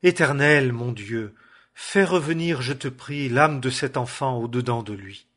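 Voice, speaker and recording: A stern, fervent prophet speaks in a grave, declaiming way, as a man reading scripture aloud gives him voice. The tone is a little husky and breathy, with a middling pitch. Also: unhurried, fairly bright tone. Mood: imploring.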